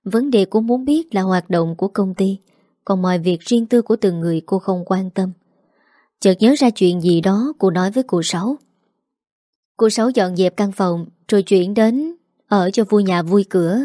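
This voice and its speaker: A woman narrating a story in a calm, even reading voice. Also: medium pitch, moderate pace, no room sound, clean studio sound.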